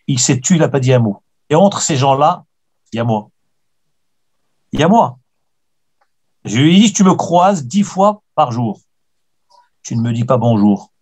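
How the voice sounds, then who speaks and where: A man's voice: fairly high pitch, slightly rough. A man teaching a Torah lesson as a rabbi, answering questions emphatically and repeating key phrases for weight.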